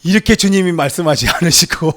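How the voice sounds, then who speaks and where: A male pastor preaching an animated sermon, often questioning his congregation. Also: on the high side, normal speed.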